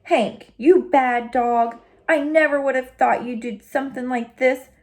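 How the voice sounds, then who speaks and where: A woman's voice: high-pitched, steady tone, measured pace. A woman voicing a stern, disappointed male rancher who scolds his dog.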